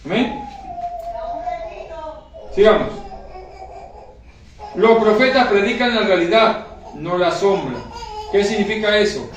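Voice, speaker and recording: A man's voice: sits high, takes it slowly, pauses often. A male preacher delivering an emotional sermon, repeating phrases and asking the congregation questions. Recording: echoey room, recorded from far off, faint noise.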